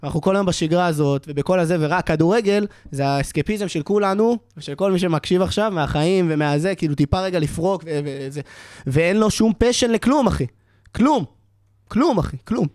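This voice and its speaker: A high-pitched man talks football in an exasperated rant, his voice rising and pushing hard. The sound is close and dry, with no room around it. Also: darkish tone, dry recording. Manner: passionate, exasperated ranting. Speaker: podcast co-host, Chelsea fan. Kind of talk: heated casual football chat.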